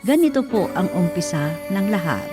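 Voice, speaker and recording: A woman's voice: on the low side, very animated, moderate pace. A woman radio host reading a letter aloud as dramatic scripted narration. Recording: music under the voice. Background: music.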